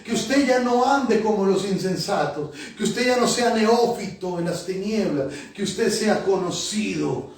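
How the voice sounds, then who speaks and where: Male pastor, high-pitched, fervent prayer, heard from across a reverberant sanctuary. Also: lively intonation, measured pace, gravelly, few pauses. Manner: fervent, repeating Señor and Padre between phrases. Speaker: pastor and prophet. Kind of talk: sermon and spoken prayer. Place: church sanctuary. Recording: echoey church hall from a distance. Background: soft music.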